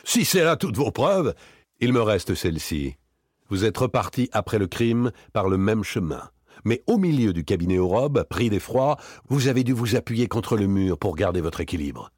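A man's voice: on the low side, big pitch swings, moderate pace, a little mellow, breathy edge, dry recording, studio quality. A man voicing a cold, relentless former police inspector, talking dryly, hard and with precision.

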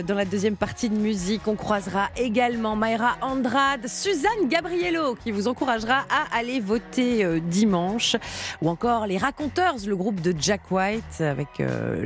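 A woman presenting a music show on live radio in a casual, informal, self-mocking way, close on a studio mic. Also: medium pitch. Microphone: close studio broadcast mic.

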